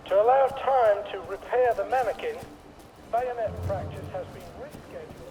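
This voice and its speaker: A man voicing an official announcer whose orders come over a loudspeaker, clipped and matter-of-fact. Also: sits high, moderate pace, slight background noise, poor audio. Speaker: public address announcer. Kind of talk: formal announcement.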